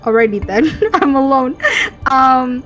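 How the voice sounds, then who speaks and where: A woman's voice: high voice, measured pace, fairly bright tone, faint music behind. Chatty woman co-hosting a role-play. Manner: laughing, chatty, unsure. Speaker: co-host and player. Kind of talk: casual tabletop role-play chat.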